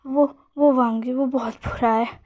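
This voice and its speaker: A woman's voice: sits high, steady tone, a little slow, darkish tone. A woman voicing a tearful, protesting young man in a fanfic retelling, her own voice lifted slightly.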